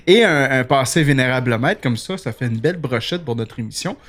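A man with a Québécois French accent hosting a casual radio chat, animated and full of fillers. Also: mid-range voice, brisk. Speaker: podcast host.

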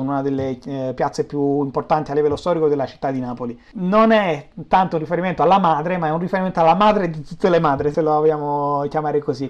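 Man, Neapolitan accent, raised pitch, didactic conversational explanation, mildly lo-fi recording. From Naples, Italy. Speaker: guest explaining the Neapolitan language. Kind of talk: informal explanatory interview talk.

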